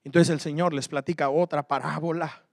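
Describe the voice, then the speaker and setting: A man preaching a sermon as pastor, moving between loud emphatic passages and quiet asides. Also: a little high, steady tone, brisk, creaky, dry recording, clean studio sound.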